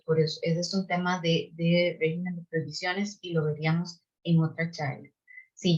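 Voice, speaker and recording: A woman presenting an online webinar and answering audience questions, explaining step by step with frequent tag questions and restarts. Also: fairly low pitch. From Costa Rica. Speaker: webinar presenter on public procurement. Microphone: video call microphone. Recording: slightly dull video call audio.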